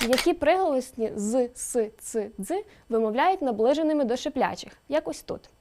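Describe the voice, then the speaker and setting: A woman presenter reads a scripted explainer with a slightly raised pitch. She keeps it lively and throws in emphatic rising questions. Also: moderate pace. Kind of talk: scripted educational narration.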